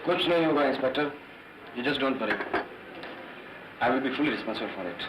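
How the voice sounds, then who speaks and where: An actor playing a determined grown son who calmly and firmly stands up to his father, in 1970s Hindi film style. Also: mid-range voice, very noisy. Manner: firm, measured, dramatic. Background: film score music.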